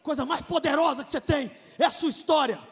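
A Brazilian man in his forties, a pastor giving a testimony sermon, telling his story with emotion, jumping from shouts to hushed asides and jokes. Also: very high voice, fast talker, gravelly, long reverb tail. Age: 40s.

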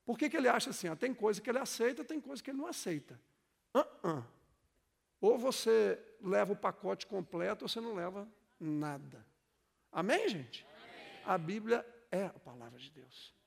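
A man's voice: high voice, lively intonation, brisk, gravelly, husky. A man from Brazil who is a pastor, preaching a sermon in a church hall, telling stories and calling out to the congregation for responses. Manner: emphatic, calls out to the congregation. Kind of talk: sermon with storytelling.

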